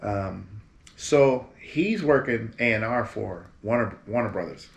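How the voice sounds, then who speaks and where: A musician in his fifties from Berkeley, California, sits before a green screen in a casual interview, relaxed and animated as he tells stories from his career with lively quoted voices. His voice is on the low side with vocal fry and a measured pace, and there's a roomy echo with faint background hiss.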